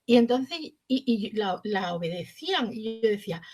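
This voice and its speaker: A woman's voice: mid-range voice, expressive, normal speed, a little mellow. A middle-aged woman teacher, reflectively recounting her career in an interview and acting out quoted dialogue. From Spain. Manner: storytelling, acts out quoted dialogue. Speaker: primary school teacher.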